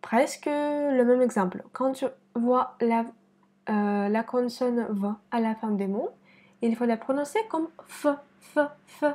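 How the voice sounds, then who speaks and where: A woman teaching a slow pronunciation lesson to camera, repeating words deliberately. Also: a little high, a little mellow. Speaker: Russian teacher. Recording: speaking to camera.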